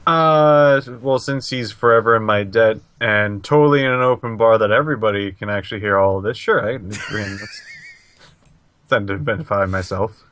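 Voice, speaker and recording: A man's voice: lowish voice, normal speed, fairly bright tone, dry recording. A man chatting casually as the player making choices in a read-aloud gamebook. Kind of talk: casual chat.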